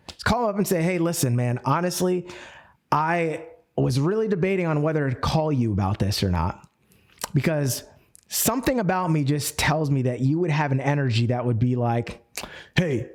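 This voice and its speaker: A man coaching network marketers in a casual, energetic Q&A session, acting out sample phone calls in slangy everyday talk. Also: a little high, normal speed.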